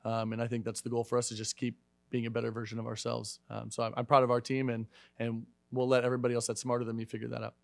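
Guy coach talking fast at a press table, lots of ums, dry close mic. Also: mid-range voice, completely flat delivery, vocal fry, dry recording. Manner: fast, conversational, many fillers and restarts. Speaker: head volleyball coach. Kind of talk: post-match press conference. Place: media room in front of a sponsor backdrop. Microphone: desk microphone.

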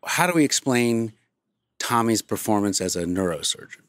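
A man's voice: fairly low pitch, animated, normal speed, a bit bright, dry recording. Skeptical man asking probing questions. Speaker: podcast host.

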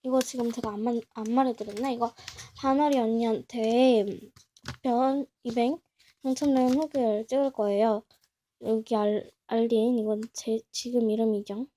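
A young woman vlogger chatting casually as she opens a package, talking to herself and gushing with excitement. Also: a little high, normal speed, slight background noise. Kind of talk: casual unboxing chat.

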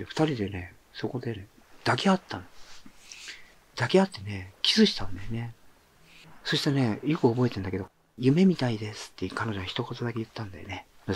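A middle-aged man hosts a monologue show and tells a personal story in a relaxed, conversational way. His pitch rises and falls constantly, and he often drops to a quiet murmur. He talks with the easy rhythm of someone chatting to listeners. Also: slight background noise. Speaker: author and monologue host.

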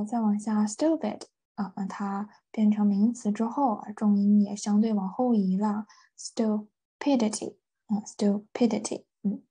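A woman's voice: medium pitch, dark tone, husky. A woman teaching an English vocabulary lesson, patiently repeating each word and translating it with many fillers. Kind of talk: vocabulary lesson explaining words.

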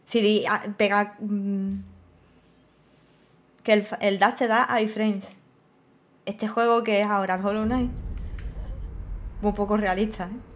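A woman's voice: medium pitch, fairly even intonation, slow pace, pauses often. A woman with a Spanish accent from Spain, streaming a game with casual commentary, swearing and laughing as she plays. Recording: faint game music behind.

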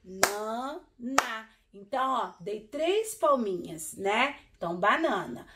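Teaching young children literacy online, this primary school teacher has a bright, medium-pitched female voice with big pitch swings. She goes slowly and patiently, sounding out each word syllable by syllable and coaxing with frequent "tá?" and "né?".

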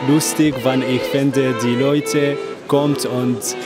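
Brief: man, slow, plain cheerful delivery, music behind. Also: medium pitch, flat delivery. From Syria. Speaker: interviewee. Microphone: handheld mic.

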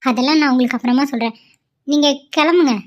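A woman's voice: sits high, fast talker, highs cut off, close to an everyday voice. Woman doing a devoted young wife, insistent. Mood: pleading. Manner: pleading, insistent. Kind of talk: cartoon voice acting.

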